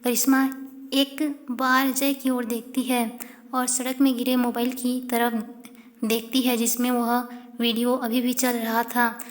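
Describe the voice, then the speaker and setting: A woman narrating an audio story in a slow, conversational way, adding quick asides. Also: on the high side, flat delivery, in a large hall.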